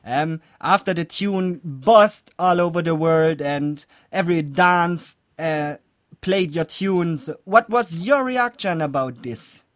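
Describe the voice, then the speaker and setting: Male interviewer, English, casual and easygoing, slightly high voice. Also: slow, fairly bright tone, no room sound. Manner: easygoing, chuckles, "yeah, man" responses.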